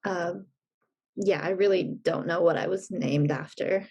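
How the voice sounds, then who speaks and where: A woman playing a wary, frustrated seventeen-year-old non-binary teen who talks hesitantly with quick fillers, in an indie audio drama. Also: lowish voice, fairly even intonation, a little mellow, husky. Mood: awkward.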